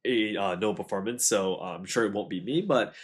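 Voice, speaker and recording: Husky low-voiced man in his thirties. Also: a little fast. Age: 30s. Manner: rambling, many fillers and tag questions. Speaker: podcast host and dojo head. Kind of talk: casual conversational chat.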